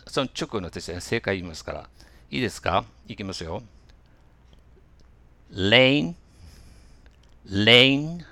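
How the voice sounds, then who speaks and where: A man teaching English pronunciation, reading minimal-pair drills slowly and carefully, then explaining in calm speech. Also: low voice, no echo. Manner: slow, careful drill reading, words louder than the talk.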